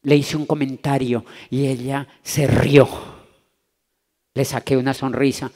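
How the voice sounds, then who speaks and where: A man from Latin America telling an animated personal story to a convention audience, acting out the voices in it. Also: medium pitch, measured pace. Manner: animated, acts out voices in his anecdotes. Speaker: motivational speaker. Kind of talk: storytelling talk to a live audience. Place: convention hall.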